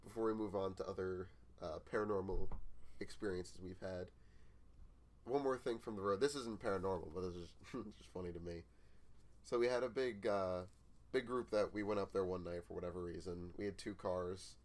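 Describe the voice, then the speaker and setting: A man's voice: low-pitched, fairly quick. A young man co-hosting a podcast, telling a story in casual chat and laughing as he goes. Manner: laughing storyteller, animated retelling. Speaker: podcast co-host.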